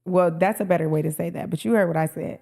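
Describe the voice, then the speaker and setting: A young woman co-hosts a podcast and tells a story in loose, casual chat. She is animated and swears freely. She slips into the voices of the people she quotes. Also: lowish voice, quick pace, vocal fry. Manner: animated and profane, quotes others in dialogue. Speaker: podcast co-host.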